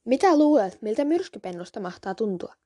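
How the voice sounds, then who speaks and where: A woman's voice: fairly high pitch, darkish tone, no room sound, clean studio sound. A woman voicing an angry tomcat who protects the kits in a storybook reading, speaking sharply and accusingly. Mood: indignant. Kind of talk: audiobook reading.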